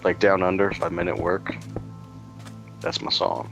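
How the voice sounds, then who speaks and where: A man's voice: sits low, level tone, measured pace, a bit bright, faint music behind. A young man hosting a let's play, chatting casually in a rambling way with lots of fillers and crude jokes. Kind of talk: casual chat while gaming.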